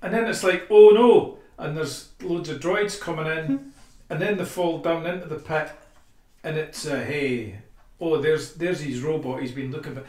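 Man, lively comic-book podcast chat, slightly high voice, roomy and distant sound. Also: moderate pace. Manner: animated, laughing retelling of comic scenes. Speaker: podcast co-host. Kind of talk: casual chat.

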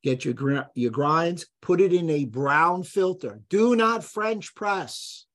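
A man's voice: fairly high pitch, takes it slowly, fairly bright tone. A man speaking as a guest on a podcast, explaining food and health in an emphatic, blunt, lecturing way. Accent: none, trained out of New York accent. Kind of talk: conversational podcast interview.

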